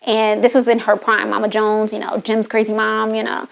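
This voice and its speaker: A woman's voice: mid-range voice, monotone, normal speed, creaky. A middle-aged woman talking candidly and animatedly in a casual podcast conversation, swearing freely and often laughing. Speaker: guest, wardrobe stylist and author.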